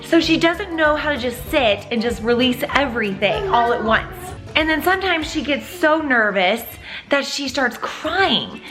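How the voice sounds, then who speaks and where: Chatty young mom with a high, lively voice. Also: female voice, moderate pace, music in the background. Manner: chatty, candid, praising her toddler in a sing-song voice. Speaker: mother and vlogger. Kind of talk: casual home vlog chat.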